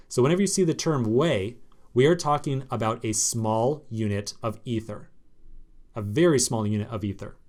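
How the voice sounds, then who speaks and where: A man's voice: mid-range voice, a little mellow. Casual male coding tutor. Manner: casual, explanatory, thinks aloud with fillers. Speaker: programming instructor. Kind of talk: screencast coding lesson.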